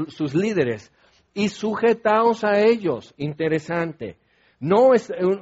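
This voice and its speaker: A man's voice: fairly high pitch, a little mellow. A male pastor, preaching a sermon in a conversational, explanatory way with asides to the congregation. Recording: dull, lo-fi sound.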